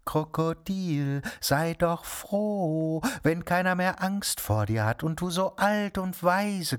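Fields: Figure: young small snake, gentle and kind, played by a woman. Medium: children's audio story. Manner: soft, reassuring. Pace: unhurried. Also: fairly low pitch, clean tone.

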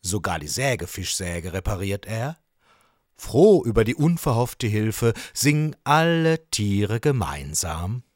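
A man narrating a children's story with expressive, storytelling delivery. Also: lowish voice, takes it slowly, no room sound.

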